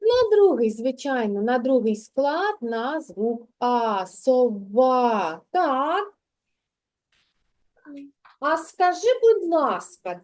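A woman teacher with a high, bright-pitched voice leads a small child through letters and sounds. She talks slowly and patiently, coaxing answers and drawing out each syllable in a kindergarten classroom. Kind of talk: literacy lesson with a young child.

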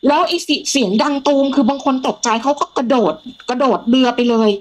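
A middle-aged woman from Thailand tells a ghost story from her own life in a lively way. She acts out the voices of the people in it. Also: high voice, a little fast, slight background noise, rough recording. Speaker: guest storyteller.

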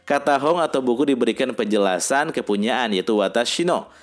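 A man narrating a scripted language lesson, reading sample sentences slowly and deliberately. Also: mid-range voice, expressive. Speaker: language teacher.

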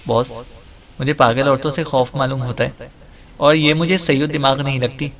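A man voicing a superstitious male servant who whines and begs his boss in a mid-pitched voice. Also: fairly even intonation, normal speed, a bit bright, lightly acted. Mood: pleading. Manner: whining, begging.

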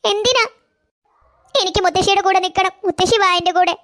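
A sweet, clinging cartoon girl as a woman puts her on, pleading and affectionate. Her voice sits extremely high and the words tumble out quickly. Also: a bit bright. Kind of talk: cartoon voice acting.

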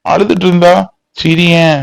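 A caring young husband. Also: male voice, sits high, flat delivery, moderate pace, gravelly, clear, resonant tone, dry recording, rough recording. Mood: concerned. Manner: soothing, concerned, reassuring. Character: caring young village husband, gently coaxing. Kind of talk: cartoon voice acting.

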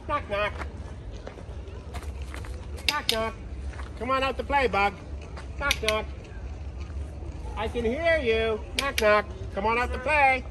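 A man's voice: very high voice, slow pace, long pauses. A man in costume voicing a hungry bird that knocks on trees and coaxes bugs out, teasing and sing-song, at an outdoor winter festival. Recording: loud outdoor crowd noise.

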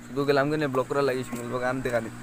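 This is casual to-camera chat from a young man vlogging outdoors on village roads, a Sylheti speaker from Karimganj, India, who tends to repeat himself. He talks rapid-fire in a mid-range voice with little pitch movement. The outdoor recording comes from a phone at arm's length, with music underneath and slight background noise.

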